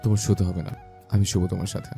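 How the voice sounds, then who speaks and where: An actor playing a domineering young husband in an audio romance drama, commanding, scolding and mocking. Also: male voice, low voice, flat delivery, quick pace, gravelly, mellow. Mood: teasing. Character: bossy, threatening young husband. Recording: faint background music.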